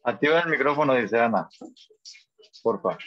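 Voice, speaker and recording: A man's voice: medium pitch, lively intonation, normal speed, dry recording. A man teaching a Spanish class over a video call, patient and encouraging, often checking that students follow. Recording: dull lo-fi call audio.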